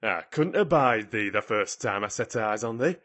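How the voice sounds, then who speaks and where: A man voicing an indignant old Yorkshire gardener who harangues loudly in dialect, for a storybook reading. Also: lowish voice, animated, normal speed. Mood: indignant scolding. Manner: haranguing, loud and outraged.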